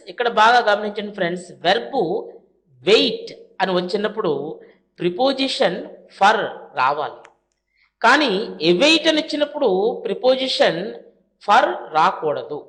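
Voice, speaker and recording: A woman with a Telugu accent teaching spoken English, reading each practice question very slowly and then translating it. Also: a little high, animated, a bit bright. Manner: reads English sentences very slowly, then Telugu translations; brisk asides to "friends". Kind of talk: language lesson drilling sentences.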